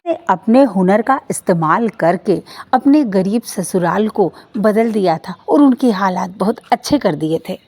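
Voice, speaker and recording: A woman narrating a family story in a steady, plain storytelling manner. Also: medium pitch, a little slow, hardly any pauses, slightly rough.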